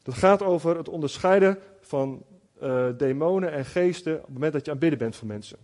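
A man's voice: on the high side, brisk, darkish tone. A man preaching informally, telling stories in an earnest way with many restarts and fillers. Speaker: preacher teaching on spiritual gifts. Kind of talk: informal sermon teaching. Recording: long hall reverb.

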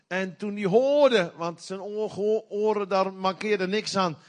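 A middle-aged man preaches a sermon with a slightly raised voice. He talks in a folksy, conversational way, then bursts out loud on key points. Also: high voice, takes it slowly. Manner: animated, folksy preaching with sudden loud outbursts.

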